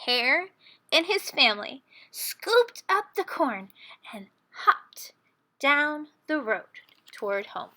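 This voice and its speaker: A woman reads a children's story aloud. Her voice is high and bright, with very lively intonation. She tells it expressively and with drama. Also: slow pace, low-quality recording. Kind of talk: children's picture book read-aloud.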